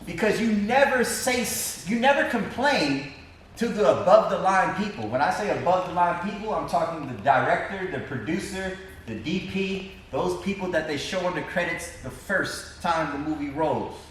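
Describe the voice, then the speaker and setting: A man's voice: high voice, animated, moderate pace, a bit bright, a little hiss or hum. A man teaching a class in a casual storytelling way, repeating phrases for emphasis. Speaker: film teacher. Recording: echoey classroom from far off.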